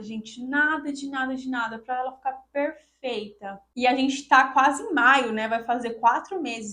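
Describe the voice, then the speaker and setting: A woman's voice: high-pitched, pushed and bright. A young woman from Brazil telling viewers a personal story in a casual, emotional, indignant way, often addressing them directly. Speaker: vlogger.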